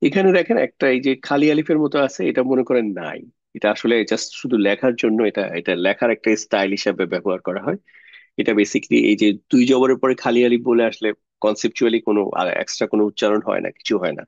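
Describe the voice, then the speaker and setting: A man's voice: mid-range voice, lively intonation, fast talker, a little mellow, no echo, dull audio. A man teaching an online Arabic grammar class, explaining patiently step by step and mixing English words into his speech.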